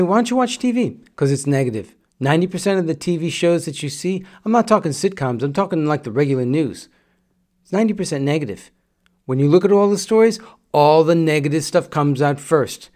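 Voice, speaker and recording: A man's voice: on the high side, fairly quick, a little mellow. A middle-aged man hosting a podcast, giving a direct, repetitive motivational monologue in a coaching tone. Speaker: podcast host.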